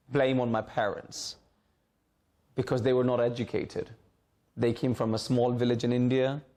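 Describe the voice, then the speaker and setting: A man's voice: medium pitch, vocal fry, darkish tone. A middle-aged man from Hong Kong, a former student, speaking informally to students while seated in a school library and often repeating words as he searches for the phrasing. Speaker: alumnus guest speaker.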